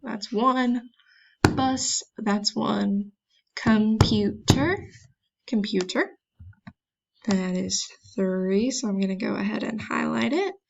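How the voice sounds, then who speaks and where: Speaking slowly in a creaky, medium-pitched voice, a woman runs an online lesson through her computer mic, and the dull audio is very noisy. She carefully sounds out words, adding chatty, self-deprecating remarks along the way.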